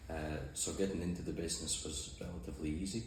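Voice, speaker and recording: A mussel farmer and boat skipper with a Shetland accent answers interview questions plainly and matter-of-factly, indoors in an office. His very deep, slightly mellow voice keeps a fairly even intonation while he talks fast. The room is very echoey, with faint noise.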